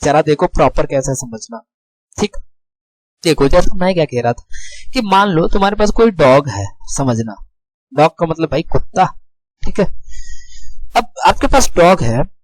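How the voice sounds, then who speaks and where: A man's voice: a little high, animated, measured pace, long pauses, no echo, rough recording. A man teaching grammar to students in a casual, chatty way, asking the class questions and answering them himself while repeating key words.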